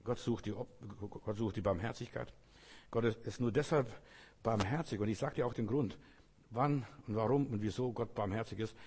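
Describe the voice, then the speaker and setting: A man's voice: medium pitch, a little mellow, slightly rough. A man preaching an informal sermon in a folksy way, talking straight to the listener and repeating his phrases. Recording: long reverb, as in a hall.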